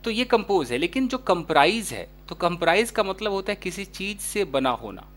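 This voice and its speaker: A man with an Indian accent teaching English words to learners, explaining each one in a casual way with many examples and reading English phrases out slowly. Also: high-pitched, very animated, fairly bright tone.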